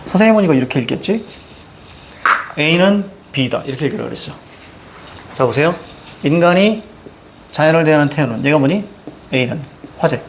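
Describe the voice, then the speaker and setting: A middle-aged man teaching a reading lesson, emphatic and constantly quizzing his students with quick check-in questions. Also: on the high side, animated, a little hiss or hum.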